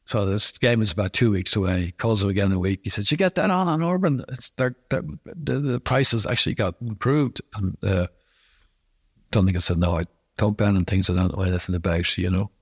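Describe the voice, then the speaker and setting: A man's voice: low-pitched, steady tone, breathy edge, no echo, clean studio sound. A man telling an anecdote, acting out both sides of a conversation. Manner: halting storytelling, quoting dialogue back and forth. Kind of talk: anecdote told in an interview.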